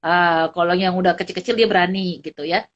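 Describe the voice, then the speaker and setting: A woman's voice: lowish voice, a little fast, lo-fi sound. A middle-aged woman, a psychology lecturer, giving a chatty online class talk, full of tag questions. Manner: lively, chatty, ends phrases with tag questions.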